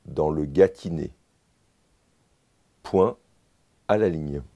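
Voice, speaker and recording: A man's voice: a bass voice, very slow, dark tone. A man playing a candidate in a comic dictation sketch, answering formally and repeating every phrase with its punctuation.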